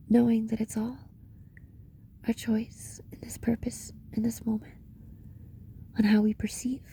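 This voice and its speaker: In a reflective monologue, a woman guides a meditation slowly, pausing between short phrases. Her breathy voice often drops to a whisper, and it sits a little high with a dark tone.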